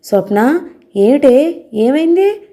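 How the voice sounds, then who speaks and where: A woman's voice: mid-range voice, measured pace, warm tone, close to an everyday voice. A woman voicing a weak, frightened older mother with heart trouble, who asks one anxious question after another.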